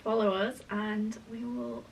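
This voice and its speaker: A woman's voice: fairly high pitch, little pitch movement, unhurried, vocal fry, distant mic, a little hiss or hum. A woman co-hosting a fan podcast in casual, conversational chat.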